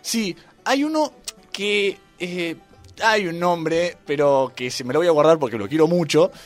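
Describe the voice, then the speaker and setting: A man's voice: fairly high pitch, a little slow. A man with an Argentine accent, a volleyball player and YouTuber, joking and telling stories as a guest in a radio interview. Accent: Argentine Spanish. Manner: joking, animated storyteller. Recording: radio studio with faint music.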